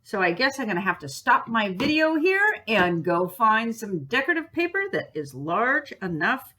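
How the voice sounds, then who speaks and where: At normal speed, a slightly high, very animated woman's voice comes through bright and forceful. She's an art teacher demonstrating bookbinding, cheerfully talking students through each step with encouragement, humming and singing while she works.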